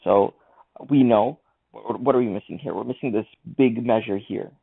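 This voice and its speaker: A man's voice: on the low side, normal speed, vocal fry, slightly rough. A man teaching a math lesson, talking through each step of the working aloud. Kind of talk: screen-recorded lesson walkthrough. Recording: tinny lo-fi mic.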